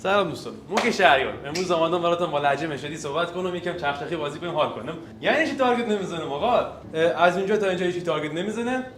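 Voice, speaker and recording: A man's voice: fairly high pitch, animated, hardly any pauses, fairly bright tone, reverberant. A man playing a social deduction game, putting on a Mashhadi Persian accent in a playful, teasing way. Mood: joking. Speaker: player.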